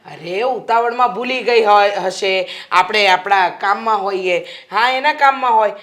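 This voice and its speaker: A woman playing a calming, placating mother. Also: medium pitch, unhurried, close to an everyday voice. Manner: soothing, placating. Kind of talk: Gujarati film acting.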